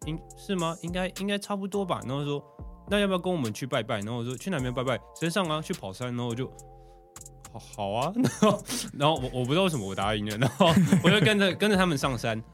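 A young man with a Taiwanese Mandarin accent telling a story in casual podcast chat, animated, laughing often and acting out what people said. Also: medium pitch, quick pace, faint music behind. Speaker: podcast co-host.

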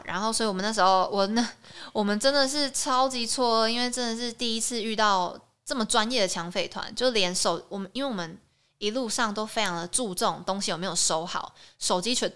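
A young woman in her twenties, a podcast guest telling travel stories in lively casual chat and acting out the dialogue. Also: mid-range voice, quick pace, smooth. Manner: animated, acts out quoted dialogue.

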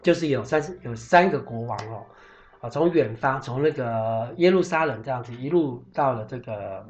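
A man's voice: medium pitch, lively intonation, normal speed. A man hosting a casual podcast, talking in a chatty, explanatory way with many fillers and restarts, sometimes spelling out foreign words. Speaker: podcast host.

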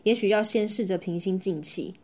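A woman co-hosting a podcast, telling stories in an animated way and mixing in English words. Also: mid-range voice, fairly quick. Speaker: podcast co-host. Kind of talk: casual chat.

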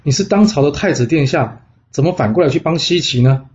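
A man's voice: a little high, expressive, a little fast, darkish tone, muffled recording, voice pushed up, lightly acted. A man doing startled, fawning Taoists.

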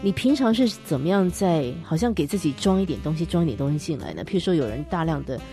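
A low, mellow-voiced woman from Taiwan hosts a casual podcast interview with faint music in the background. She responds attentively, dropping frequent short affirmations, and her pitch moves in a lively way. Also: fast. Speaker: podcast host.

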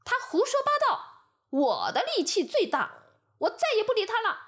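A woman's voice: very high-pitched, wildly swooping pitch, moderate pace, a bit bright, voice pushed up, full character voice. A woman voicing a proud, hot-tempered male bull who boasts and protests in a storybook tale. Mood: indignant. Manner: indignant, boastful.

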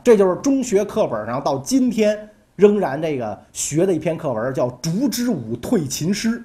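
Guy telling history stories, casual and lively, mellow tone. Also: high voice, moderate pace. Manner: animated, colloquial, acts out characters. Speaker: history storyteller. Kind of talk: casual storytelling podcast.

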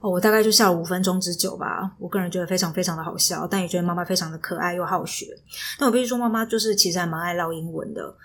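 A young Taiwanese woman talks on her own podcast in a relaxed, rambling way, full of little fillers as she tells stories. Her voice is slightly low and husky, close on a good microphone in a small room. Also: rapid-fire. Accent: Taiwanese Mandarin. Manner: chatty, storytelling with frequent fillers. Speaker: podcast host. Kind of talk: casual solo podcast chat. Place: small rented room at home. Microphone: professional microphone.

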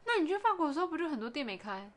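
High, quick-talking woman co-host. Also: very animated, a bit bright. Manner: quick teasing interjections and questions. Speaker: podcast co-host. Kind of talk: casual chat.

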